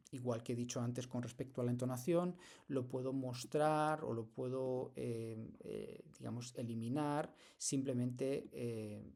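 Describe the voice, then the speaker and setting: A man lecturing in a screen-recorded software tutorial, explaining step by step with frequent hesitations and restarts. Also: medium pitch, creaky.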